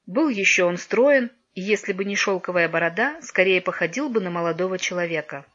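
A woman narrating a children's story in an even, measured reading voice, on a dull lo-fi recording. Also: on the low side. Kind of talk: audiobook narration.

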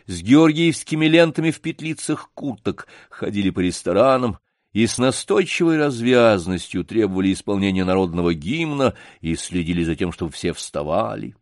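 A man narrating a story in a measured, expressive audiobook reading. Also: lowish voice, dry recording, studio quality.

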